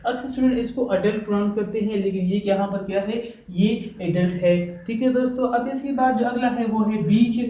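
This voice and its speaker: ऊँची आवाज़ वाला पुरुष शिक्षक, गूँजता कमरा. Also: male voice, high voice, dark tone, roomy sound, poor audio. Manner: repeats words slowly and asks himself questions. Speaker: English teacher, channel host. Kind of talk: spoken vocabulary lesson.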